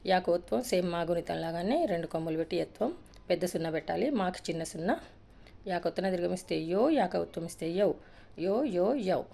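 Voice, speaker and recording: A woman teacher rapidly reciting an alphabet drill in a sing-song rhythm, adding brief asides about writing the letters. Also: fairly low pitch, creaky, warm tone. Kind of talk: reciting a Telugu alphabet lesson.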